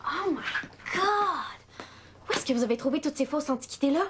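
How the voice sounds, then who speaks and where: A woman's voice: high-pitched, expressive, normal speed, heavy background noise. A woman voicing a bubbly, cheeky teenage girl in a cartoon. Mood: teasing. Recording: loud music behind.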